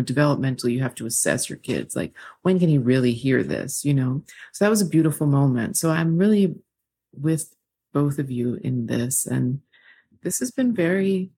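A woman's voice: a bass voice, warm tone, a little hiss or hum. A woman speaking as a podcast guest, telling stories in an earnest, reflective way. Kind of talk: podcast conversation.

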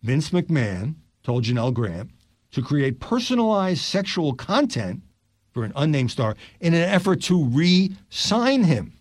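Animated older man reading the news. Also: measured pace, no echo, clean studio sound. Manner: animated delivery, drops low for asides. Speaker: news podcast host. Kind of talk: reading news stories aloud with asides.

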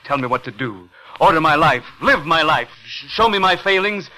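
Brief: a halting, pleading young man, 1940s radio drama narration. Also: a little high, animated, pushed and bright, rough recording. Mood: anguished. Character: nervous, stammering young ex-soldier intruder. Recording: old radio broadcast with music.

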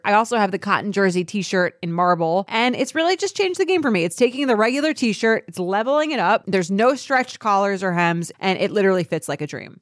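A woman's voice: mid-range voice, no echo, studio quality. A woman podcast host reading sponsor ads in a casual, scripted style.

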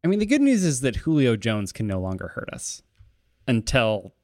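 A man co-hosting a casual sports podcast, wry and deadpan, often restarting his sentences. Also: medium pitch, normal speed, no room sound, clean studio sound. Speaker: podcast co-host.

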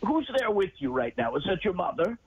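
A man's voice: high voice, sing-song, a little fast, vocal fry, a crowd in the background, full character voice. A man playing Santa Claus, a jolly, kindly old man with an exclamatory, chuckling, avuncular manner, chatting with child callers. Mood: jolly, delighted. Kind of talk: in-character radio call-in chat with children. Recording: dull, noisy radio call-in sound.

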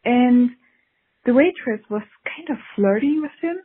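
A Swiss woman with a Swiss accent calls in to share a dating story in a casual recorded confession, candid and laughing through her embarrassment. Her slightly high, husky voice has lively intonation and a measured pace, heard over a tinny phone line.

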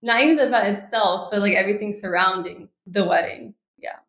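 Here the Miami woman's pitch is mid-range and her pace fairly quick, with a fairly bright tone and a roomy sound. In her twenties, she's a law student and bride-to-be, upbeat and articulate as a guest in a casual podcast conversation.

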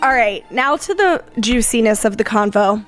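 A woman's voice: a little high, animated, normal speed, music in the background. A young woman hosting a casual podcast, chatty and bubbly, laughing easily. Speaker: podcast host.

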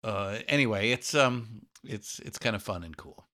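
A man's voice: on the low side, lively intonation, moderate pace, sharp tone. A man co-hosting a casual chat, rambling with many restarts and fillers.

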